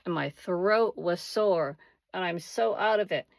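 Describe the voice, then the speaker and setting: Low-voiced woman telling a dramatic story. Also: unhurried, vocal fry, no room sound. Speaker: vlogger. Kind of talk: casual first-person storytelling.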